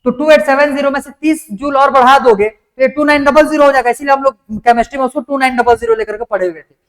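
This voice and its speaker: High-voiced man teaching. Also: fairly even intonation, quick pace. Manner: explains step by step, keeps asking if it is clear. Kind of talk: classroom lecture.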